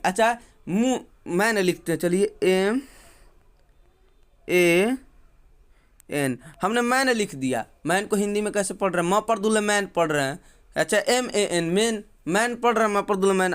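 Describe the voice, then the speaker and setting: A man's voice: high voice, a bit bright, smooth. A man teaching an English phonics lesson, repeating points and asking the viewer questions. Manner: slow, drawn-out letter-by-letter spelling.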